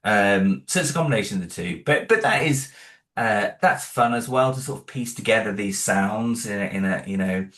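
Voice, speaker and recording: During a casual interview, a man talks about making the music and sound for his audio drama in a rambling, self-deprecating way, full of fillers and restarts. His voice is on the low side and a bit bright, at a moderate pace.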